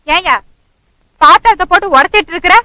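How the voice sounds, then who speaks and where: A woman's voice: extremely high pitch, brisk, heavy background noise. An actress playing an exasperated wife who scolds her drinking husband in a film comedy scene. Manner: nagging, scolding.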